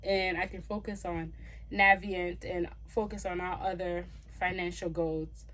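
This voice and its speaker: A woman's voice: lowish voice, steady tone, unhurried, fairly bright tone. A young adult woman vlogging to camera in a casual, upbeat way, explaining things step by step and laughing easily.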